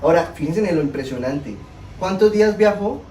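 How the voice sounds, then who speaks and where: A young man with a Colombian Spanish accent preaching a sermon, telling a personal story in an animated, self-mocking way to a congregation. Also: high-pitched, normal speed, a little hiss or hum. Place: church hall. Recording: echoey hall, mic at a distance.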